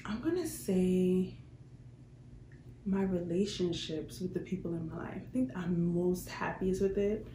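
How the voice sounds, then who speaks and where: Her pitch sits fairly low and her tone is on the dark side as she casually talks to viewers, a young adult vlogger from Queens, New York, fielding questions. Faint noise and a roomy echo color the recording.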